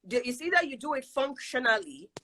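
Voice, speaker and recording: A woman hosts a casual online advice chat. Her voice is high and swings widely in pitch. She makes each point with a simple everyday example. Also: big pitch swings, brisk, crowd noise. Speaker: host.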